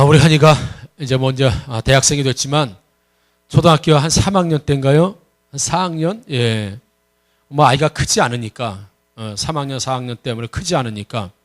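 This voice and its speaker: A man with a notably high voice delivers a Sunday sermon as pastor. He is emphatic and keeps putting questions to the congregation. Now and then he tells a personal story and acts out the voices in it.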